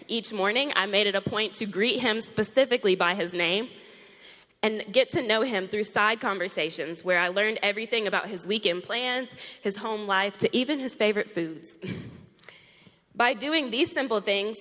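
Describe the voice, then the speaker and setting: A woman's voice: mid-range voice, moderate pace, fairly bright tone. A young woman in her twenties, a fourth grade teacher, giving an earnest speech to an audience, a little out of breath. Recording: long hall reverb.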